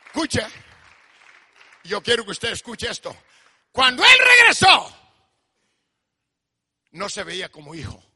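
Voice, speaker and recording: A man preaching a fervent sermon, swinging from hushed storytelling to shouted exhortation and mixing in English asides. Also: high-pitched, moderate pace, long pauses, slightly rough, some chatter behind. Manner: mixes Spanish with English asides. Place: church service.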